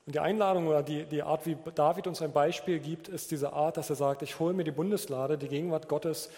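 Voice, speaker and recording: A man's voice: on the high side, fairly even intonation, brisk, mellow. Man preaching informally in a church hall. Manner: informal, explains with a glove as an object lesson. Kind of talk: sermon.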